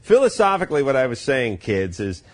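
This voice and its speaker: A man's voice: medium pitch, big pitch swings, brisk. A middle-aged man hosting a podcast, rambling and joking crudely in casual banter, often interrupting himself. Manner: rambling, self-interrupting, jokey. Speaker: podcast host.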